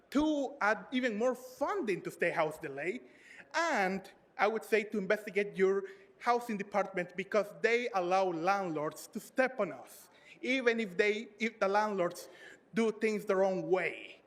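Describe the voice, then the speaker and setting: High-voiced man pleading at a council podium. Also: a bit bright. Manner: plain-spoken, pleading. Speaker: tenant giving public comment. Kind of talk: public comment. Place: city council chamber.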